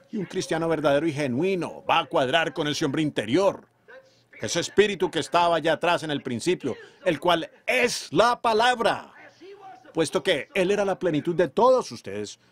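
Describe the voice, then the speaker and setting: Male preacher, somewhat high-pitched, fervent and emphatic, shifting between loud proclamations and low, quiet narration. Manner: emphatic, swings from loud declarations to quiet storytelling. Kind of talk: fervent sermon delivery.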